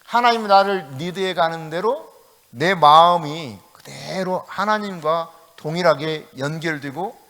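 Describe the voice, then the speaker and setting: A man's voice: on the high side, a little slow, fairly bright tone, long reverb tail. A middle-aged male pastor from South Korea preaching at an evening prayer meeting, acting out prayers and quoted speech with rising emphasis and laughing often.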